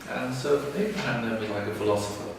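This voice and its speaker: A man's voice: mid-range voice, fast, background noise. A man teaching a religious story in a casual, humorous way as a lecture. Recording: echoey room, far from mic.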